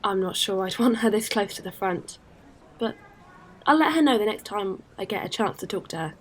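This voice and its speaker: In a science-fiction audio drama, a woman plays a friendly, caring alien spacefarer, speaking in a warm, casual, considerate way. Her mid-range voice is expressive and close to everyday speech, at a moderate pace, with slight background noise.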